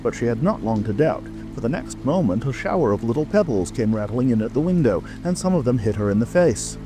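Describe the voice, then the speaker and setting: A man's voice: mid-range voice, big pitch swings, brisk, low-quality recording. A man narrating a scripted storybook as an audiobook reader. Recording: music and rain ambience behind. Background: music, rain.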